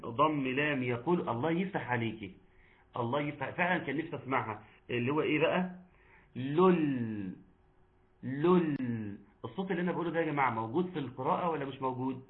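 A man with an Egyptian accent teaching Quran recitation in an online lesson, chatting with the class, quizzing them and chanting verses slowly. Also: medium pitch. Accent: Egyptian Arabic. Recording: tinny phone-like line.

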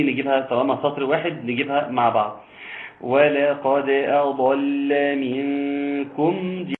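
Man teaching Quran recitation over a tinny line. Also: medium pitch. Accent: Egyptian Arabic. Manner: explains quickly, then recites slowly in a chanting voice. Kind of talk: online tajweed lesson with students. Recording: tinny phone-like line, faint noise.

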